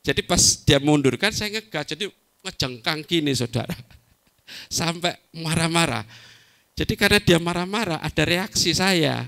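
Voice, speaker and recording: A man's voice: on the high side, expressive, normal speed, vocal fry, bright, forceful tone. A middle-aged man preaching a sermon as pastor, telling folksy stories and laughing at himself. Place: church.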